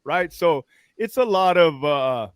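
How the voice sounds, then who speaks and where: A man with a slightly raised pitch tells prison stories in a loose, profane, animated way. The sound is dry and close, with no room around him. He slips into the voices of the people he quotes. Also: slow, clean tone, no echo. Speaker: retired corrections lieutenant, podcast guest. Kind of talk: casual storytelling interview.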